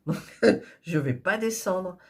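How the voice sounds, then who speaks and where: A woman's voice: lowish voice, expressive, slow, darkish tone, husky. A woman with a stuffy nose, chatting in a rambling, casual way while preparing embroidery threads. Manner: chatty, rambling, with frequent fillers and restarts. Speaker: cross-stitch crafter vlogger.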